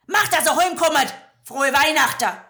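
A woman voicing a gruff, rude male village innkeeper with a Swabian accent, who scolds and barks. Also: high voice, unhurried, pushed and bright, voice pushed up, full character voice. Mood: harsh. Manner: barking, scolding.

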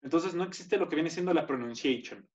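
A man's voice: on the high side, expressive, a little fast, dull audio. A young Mexican man co-hosting a podcast, ranting with playful mock outrage and joking with his co-host. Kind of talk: casual chat.

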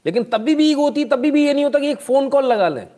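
A man's voice: very high-pitched, expressive, quick pace, mellow. A man giving casual, sarcastic live-stream news commentary, mixing Hindi and English.

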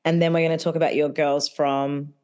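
A young adult woman co-hosting a podcast in casual chat, giggly and animated, with lots of "like". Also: deep voice, fairly quick, clean tone. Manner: giggly, animated, says "like" a lot. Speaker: podcast co-host.

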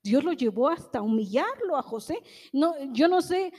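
A woman gives a church sermon in a loose, chatty way. Her voice sits high, and she keeps checking in with her listeners through little tag questions while acting out the voices she quotes. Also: big pitch swings, normal speed, a little mellow. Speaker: preacher.

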